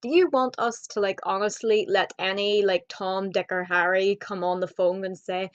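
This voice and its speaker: A young woman vents in a blunt, sweary rant straight to camera. Her voice sits at a middling pitch. The audio is dull and lo-fi, like a cheap home recording. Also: fairly even intonation, normal speed. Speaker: vlogger. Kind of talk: ranting casual vlog.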